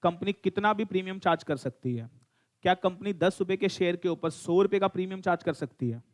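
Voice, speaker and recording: A man's voice: sits high, brisk. A middle-aged man with an Indian accent teaching a law class, mixing in English and quizzing and teasing his students as he goes. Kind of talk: classroom lecture.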